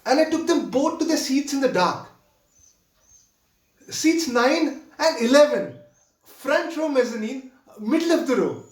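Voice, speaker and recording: A man's voice: very high voice, big pitch swings, unhurried, long pauses, full character voice. A man performing a monologue as a flustered young theater usher on his first night, nervous and stammering as he confesses. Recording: roomy sound from far off.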